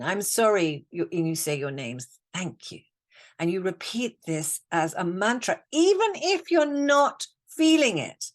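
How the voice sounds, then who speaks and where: Woman, webinar coach, fairly low voice, slow soothing delivery, mantra-like repetition, computer mic. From United Kingdom. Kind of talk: spiritual teaching webinar. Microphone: computer mic on a video call.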